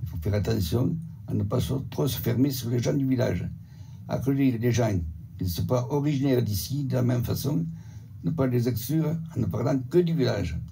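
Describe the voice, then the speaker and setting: An older man from the Montpellier area with a southern French accent, a retirement home resident reading a prepared report in a steady, measured way. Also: mid-range voice, vocal fry, slightly rough. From Montpellier area, southern France. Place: retirement home, sent as a video.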